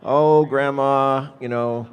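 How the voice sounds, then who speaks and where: A man puts on a panicked young grandson who pleads with his grandmother for money. It comes out a little higher and slower than his own talk. It stays close to his everyday voice. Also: steady tone, clean tone, natural voice. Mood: pleading.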